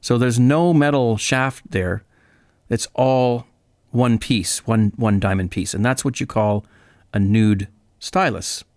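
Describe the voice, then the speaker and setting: A man's voice: medium pitch, slow, a little mellow, no echo, clean studio sound. A man hosting a vinyl video, explaining in a chatty, upbeat way with frequent fillers and self-corrections. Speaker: vinyl channel host. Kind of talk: casual how-to explanation.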